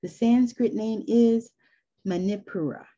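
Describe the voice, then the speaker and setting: A woman's voice: a little high, measured pace, warm tone, lo-fi sound. A woman in her fifties giving an earnest, encouraging spoken lesson on spiritual growth in a loose, conversational way. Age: 50s. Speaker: spiritual teacher.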